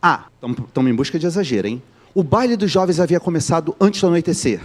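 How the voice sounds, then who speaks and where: A man from Rio de Janeiro, Brazil, with a Carioca Brazilian Portuguese accent, teaches a live online class, joking and quizzing his students as he goes. His voice is a little high, expressive, and fast.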